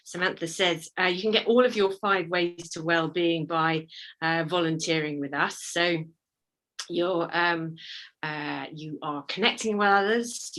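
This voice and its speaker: A woman's voice: on the low side, fairly bright tone, poor audio. A woman speaking for a charity from outdoors on a video call, out of breath, laughing and full of fillers and restarts.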